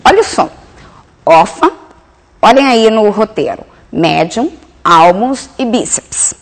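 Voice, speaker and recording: A woman's voice: mid-range voice, expressive, slow pace. A woman giving a grammar lesson as a teacher, explaining step by step and answering her own questions. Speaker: Portuguese teacher.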